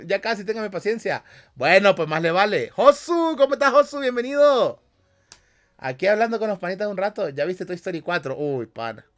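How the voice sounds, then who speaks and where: With a high-pitched, fairly bright voice, a young Honduran man livestreams from his small bedroom, laughing a lot as he reads comments with slangy jokes. He speaks through a headset along with a desk mic.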